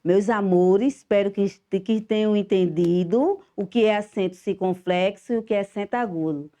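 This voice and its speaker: A woman's voice: mid-range voice, normal speed, warm tone. A middle-aged woman teacher with a Brazilian Portuguese accent, giving a home-school lesson to children, affectionate and emphatic, stressing each syllable.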